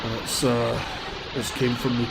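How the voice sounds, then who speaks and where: His voice is gravelly and medium in pitch, level in tone and measured in pace, as this livestreamer with a cold sniffles a little and rambles bluntly on a handheld phone. He's out on a city street with loud traffic and vehicles behind.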